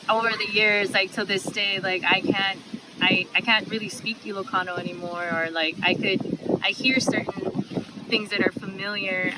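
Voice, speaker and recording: Hesitant woman over loud noise. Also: mid-range voice. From Hawaii. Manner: hesitant, many "like" fillers. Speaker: interviewee. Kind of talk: casual personal interview.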